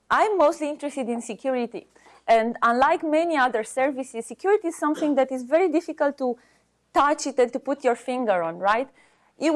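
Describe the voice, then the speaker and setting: Her voice is high-pitched as she delivers an improvised seminar talk, a Romanian-accented academic researcher who halts now and then to find her words.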